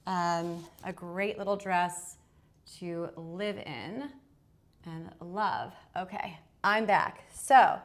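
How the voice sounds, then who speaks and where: A woman's voice: on the low side, drawn-out words. A woman hosting a live fashion shopping stream, chatting upbeat with many fillers. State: out of breath. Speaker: fashion livestream host. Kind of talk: casual live shopping chat. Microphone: moving away from the mic while changing outfits.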